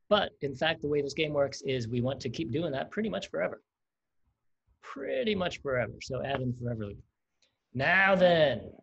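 A man teaches a livestreamed coding lesson in a mid-range, husky voice with vocal fry. He's chatty and explanatory and laughs often, and the stream audio is dull and lo-fi.

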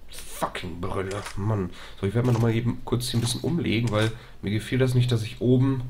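Let's play host, male, jumpy and loud, swears and stammers, noisy background. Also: lowish voice. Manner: excitable, shouting, swearing, stammers when tense.

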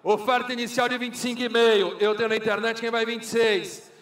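A man's voice: extremely high pitch, level tone, brisk, a bit bright. A Brazilian man working as a car auctioneer, calling bids in a repetitive, formulaic chant. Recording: echoey hall, far from microphone.

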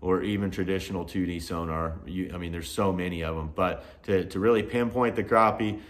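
Thirtyish guy in his garage shop, lowish voice, laid back fishing report, lots of uhs. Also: brisk. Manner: relaxed, frequent "uh" and "you know" fillers. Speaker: fishing guide and host. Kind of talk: casual fishing report to camera. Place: indoor garage workshop with tackle shelves.

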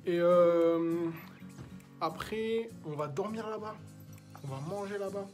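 A man's voice: high-pitched, slow, darkish tone, faint music behind. A man in his twenties chatting casually to his vlog followers in informal French street slang. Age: 20s. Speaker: travel vlogger. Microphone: phone at arm's length.

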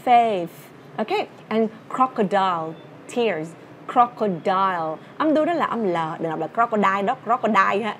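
A woman's voice: mid-range voice, slight background noise. A young woman with a Vietnamese accent teaching English through a song, explaining words and drilling pronunciation.

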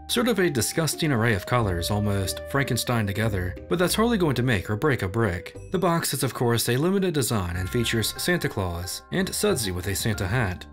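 A man reading a scripted product review in casual, slangy phrasing as a voice-over. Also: mid-range voice. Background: background music.

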